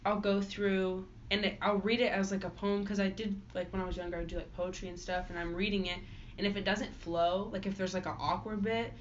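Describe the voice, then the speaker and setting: A young singer-songwriter chats casually in an interview, her answers full of "like" and other fillers. She speaks briskly at a medium pitch with a flat delivery. The audio is dull and lo-fi, with faint noise.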